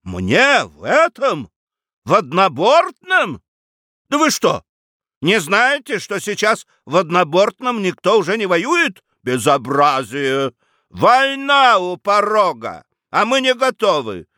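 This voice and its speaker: A man voicing a pompous, excitable old duke who barks indignant orders. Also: a little high, slow pace, hardly any pauses, no echo, clean studio sound, voice pushed up. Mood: shouting, indignant. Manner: shouting, indignant, bossy commands.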